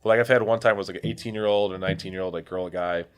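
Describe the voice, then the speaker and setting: A man's voice: deep voice, steady tone, very fast, smooth. A middle-aged man, a property manager, chatting casually and bluntly, with lots of restarts. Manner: rambling and blunt, with many restarts. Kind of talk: casual storytelling chat.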